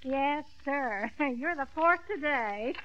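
An actress playing a sassy, slangy young receptionist in perky, flippant screwball banter, in 1940s radio comedy style. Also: female voice, high voice, expressive, slow pace, a bit bright, full character voice. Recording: noisy, dull vintage radio recording.

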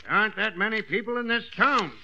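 An actor playing a grouchy, harried newspaper editor with testy, deadpan screwball comebacks, in 1940s radio comedy style. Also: male voice, high voice, fast talker, creaky, noisy background. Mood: exasperated. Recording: dull vintage radio recording.

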